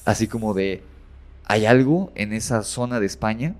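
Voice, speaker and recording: A man's voice: on the low side, expressive, normal speed. A man casually retelling a horror story as a guest, rambling with many fillers and self-corrections.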